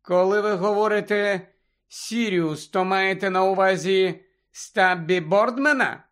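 Brief: a man voicing a strange serene teen girl, deadpan, untroubled. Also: sits high, a little slow. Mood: dreamy. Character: dreamy, unflappable odd teenage girl.

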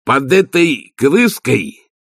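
A man reading an audiobook, voicing a slow, gloomy male servant who talks in a deliberate, matter-of-fact way. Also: medium pitch, sing-song, fairly bright tone, no room sound, clean studio sound, voice pushed up, full character voice. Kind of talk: audiobook character voice.

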